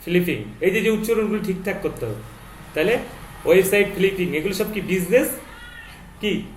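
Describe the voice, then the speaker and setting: A man's voice: sits high, lively intonation, fairly quick. A man tutoring a learner, repeatedly asking questions and correcting pronunciation. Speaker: teacher. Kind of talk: tutoring lesson, quizzing a learner. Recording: echoey room with faint noise.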